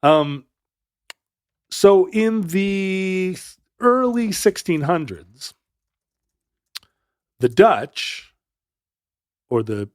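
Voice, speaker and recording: A man's voice: sits high, sing-song, extremely slow, pauses often, no room sound, clean studio sound. A man co-hosting a podcast, telling a history story in a casual, playful way with joking asides. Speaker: podcast co-host.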